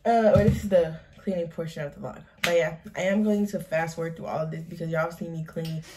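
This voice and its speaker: A woman's voice: sits low, fairly even intonation, fairly quick, noisy background. A 19-year-old woman from Michigan talking casually to her viewers as she vlogs at home, calling them y'all. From Michigan, USA. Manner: chatty, addresses viewers as y'all. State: out of breath. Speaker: vlogger. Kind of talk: casual vlog talk. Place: home, indoors.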